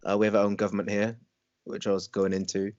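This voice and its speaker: A young Welsh man co-hosts a podcast, chatting casually and rambling with lots of ums and restarts, his accent a mix of English, American and Welsh. He talks fast in a lowish, darkish voice with completely flat delivery. The recording has its highs cut off.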